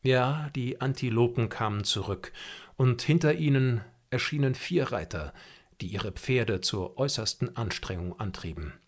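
Man, audiobook narrator, measured, expressive, mid-pitched voice. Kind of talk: audiobook narration of an adventure novel.

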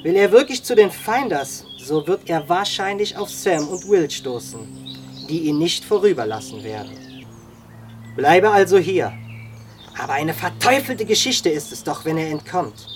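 A reader voicing Dick Stone, a gruff frontiersman who grumbles in clipped sentences. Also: mid-range voice, big pitch swings, unhurried, slight background noise. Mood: grumbling.

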